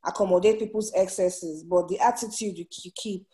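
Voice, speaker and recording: A woman's voice: lowish voice, steady tone, brisk, warm tone, rough recording. A woman in an online discussion group on a video call, hesitantly explaining what she learned about patience. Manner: hesitant, searching for words with many ums. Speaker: group member. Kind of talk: casual online group meeting.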